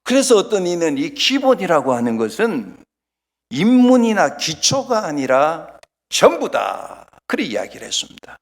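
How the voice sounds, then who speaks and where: A male pastor preaching a Sunday sermon, emphatic, swinging from loud exclamations down to near-whispers. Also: a little high, huge pitch swings, moderate pace. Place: church sanctuary. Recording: long church hall reverb.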